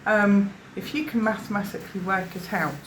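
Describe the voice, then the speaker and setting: Background noise and a roomy echo surround a medium-pitched, moderately paced female voice. She is a South African interviewee in her fifties giving a personal witness account, wandering and hesitant, restarting often and leaning on fillers.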